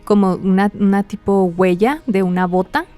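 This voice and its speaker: A woman's voice: medium pitch, moderate pace, dark tone, faint music behind. A woman co-hosting a podcast, talking in a casual, conversational style. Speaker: podcast co-host. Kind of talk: casual chat.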